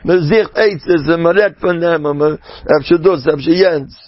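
A man lectures as a rabbi in a voice that sits a little high. His phrasing is halting and circles back on itself, then leaps into sharp, high exclamations. The recording is dull and lo-fi, with a dry, close sound. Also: dry recording. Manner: emphatic, breaks into sudden high exclamations. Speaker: rabbi giving a talk. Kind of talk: religious lecture.

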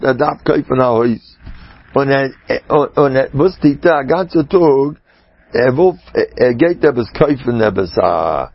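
A man, a rabbi, giving a religious lecture in halting, repetitive phrases that break into sudden high, emphatic exclamations. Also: no echo. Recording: dull, dry lo-fi recording.

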